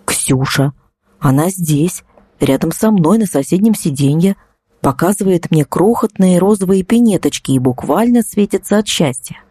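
A woman voicing a young pregnant daughter who is quick to take offence and turns hysterical, in a raised, thin voice in an audiobook reading. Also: lively intonation, dark tone, husky, no echo, clean studio sound. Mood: cheerful. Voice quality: high, shrill, pleading when upset. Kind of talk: audiobook character voice.

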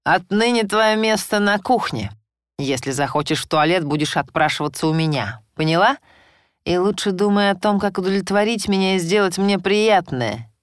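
A woman's voice: mid-range voice, lively intonation, moderate pace, dry recording, clean studio sound, natural voice. A woman voicing a cruel, mocking abusive husband who barks his threats. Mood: menacing, sneering. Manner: barking, menacing, mocking.

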